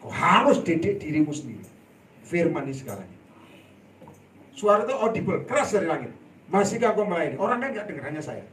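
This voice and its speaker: Animated male preacher in an echoey hall. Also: on the high side, fast, long pauses, far from the mic, slight background noise. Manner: animated storytelling with laughs and sudden loud outbursts. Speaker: evangelist preacher. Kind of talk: sermon. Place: church hall.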